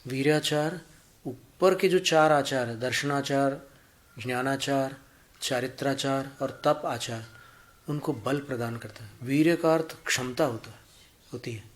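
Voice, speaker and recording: Speaking at medium pitch, a man delivers a Jain religious discourse as a preacher, measured in his teaching and making points through examples and anecdotes.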